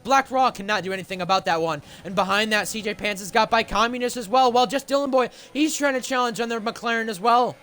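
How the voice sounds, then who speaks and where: A man's voice: high voice, fast talker, hardly any pauses, pushed and bright. A man commentating live on sim racing, calling the action play by play as a motorsport commentator.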